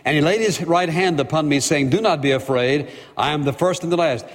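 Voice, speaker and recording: A man's voice: on the high side, a little fast. Preaching man, echoing hall. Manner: emphatic, repetitive preaching cadence with rhetorical questions. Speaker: pastor. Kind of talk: sermon.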